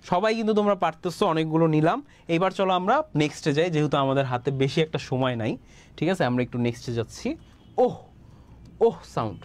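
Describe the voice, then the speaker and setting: A man with a Bangladeshi accent leads a live online English lesson, speaking a little higher than most men. He reads out student answers in an encouraging way, repeats each word and keeps checking that the class is following. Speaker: English teacher.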